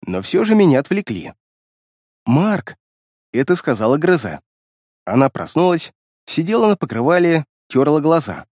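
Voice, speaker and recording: Guy reading a fantasy audiobook in first person, lively up and down voice, dry close mic. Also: fairly high pitch, normal speed, no room sound. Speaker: audiobook narrator.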